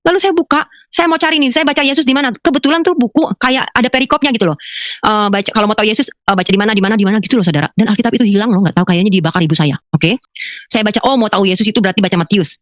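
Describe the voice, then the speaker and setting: A middle-aged woman giving a personal faith testimony, telling her story with lively storytelling and addressing listeners as brothers and sisters. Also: racing, no echo. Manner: animated storytelling, acting out her own quoted lines in a high voice. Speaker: testimony speaker.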